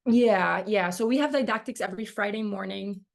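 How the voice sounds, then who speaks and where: This dermatology resident, an Argentine woman in her twenties, has a gravelly mid-range voice and talks at a moderate pace. She's a guest in an interview, speaking conversationally with many fillers.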